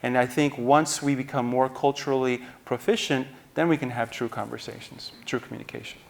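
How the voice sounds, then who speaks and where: A man's voice: medium pitch, fairly even intonation, a little fast, creaky, slight background noise. A man in his forties from New Jersey, answering as a journalist on a stage panel, explaining at length and gesturing as he talks, into a lapel mic. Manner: explanatory, gestures while talking. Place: auditorium stage.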